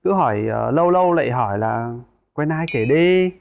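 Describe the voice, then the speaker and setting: A young man, a guest talking in halting casual chat and repeating his words. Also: a little high, lively intonation, gravelly, highs cut off, background noise.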